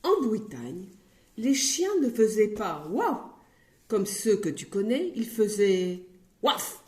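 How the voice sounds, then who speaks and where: Expressive female storyteller, unhurried, swooping pitch, roomy echo. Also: slight background noise. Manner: expressive, playful, animated. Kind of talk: children's story read aloud.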